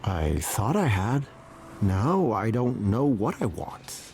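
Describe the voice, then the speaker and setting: A man's voice: lowish voice, very animated, slow, a little mellow, faint music behind, full character voice. A dead musician of Greek myth in a video game. He is brooding and self-pitying, with theatrical, hugely varied intonation. He takes his time over the words. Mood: despondent.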